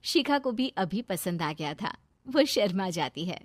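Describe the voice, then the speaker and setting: A woman narrating a cartoon family story in a calm, plain storytelling manner. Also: mid-range voice, measured pace, no room sound.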